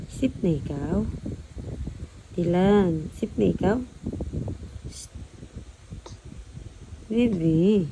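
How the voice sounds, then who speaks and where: A mother talking baby talk to her infant in a coaxing, sing-song, cooing way. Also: medium pitch. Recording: noisy home video.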